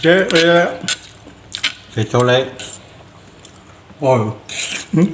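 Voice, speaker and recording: A man's voice: medium pitch, expressive, drawn-out words. A man with a Banyumasan Javanese accent hosts a casual mukbang, talking as he eats meatball soup. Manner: eating bakso soup while talking. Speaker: mukbang video host. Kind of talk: casual eating-show chat. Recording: echoey room with clear background noise.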